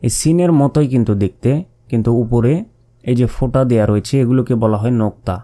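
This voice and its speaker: A man's voice: mid-range voice, fast talker, mellow. A man teaching how to pronounce Arabic letters, drawing each sound out and repeating it with patient explanations. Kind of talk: slow step-by-step pronunciation lesson.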